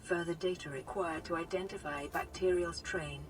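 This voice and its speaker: A woman voicing a calm suit computer assistant in a game, with a gentle synthetic care-robot sound, speaking in a measured, clinical way. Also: lowish voice, slight background noise. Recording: game audio with clear music behind.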